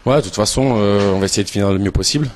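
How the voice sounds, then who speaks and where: A young male footballer with a low-pitched voice. He answers interview questions casually, hesitating and repeating small words. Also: very fast. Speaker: football player. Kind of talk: casual pre-match interview.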